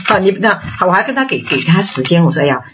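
A woman preaching a sermon, telling personal testimony in an animated, chatty way. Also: lowish voice, fast talker, highs cut off, a little hiss or hum.

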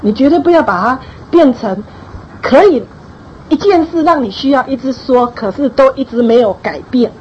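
Firm, emphatic woman pastor, slightly high. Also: animated, normal speed, a little mellow, slight background noise. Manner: firm, emphatic, repeats key phrases. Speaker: pastor giving parenting advice. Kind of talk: church group discussion. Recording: dull lo-fi recording, faint ambience.

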